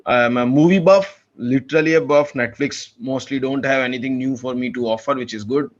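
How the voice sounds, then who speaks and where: A young Indian man, a PhD student, chats as a podcast guest in a casual interview. His mid-range voice moves a little fast, and he's earnest and enthusiastic, often restarting sentences. The recording sounds muffled.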